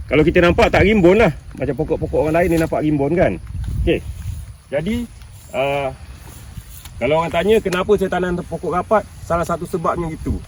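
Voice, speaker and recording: Recorded outdoors in a durian orchard, this rough clip picks up a slightly high, somewhat mellow male voice from far off the mic, with a faint hiss or hum. He's a durian farmer in his fifties with a Malaysian Malay accent who hosts a farming channel, chatting casually to viewers about his orchard, laughing often and checking they're keeping up.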